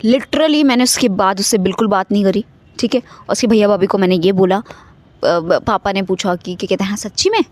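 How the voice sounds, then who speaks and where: A woman's voice: medium pitch, fairly quick, a little mellow, dry recording. A young woman casually telling a personal story into her phone, chatty and mixing English words into her talk, often checking in with "okay". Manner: chatty, mixes in English, keeps saying "okay". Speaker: vlogger.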